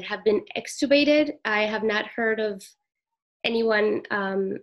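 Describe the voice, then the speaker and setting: Her voice mid-range, the Peruvian emergency room nurse, a middle-aged woman, offers a soft-spoken and hesitant personal account during an interview.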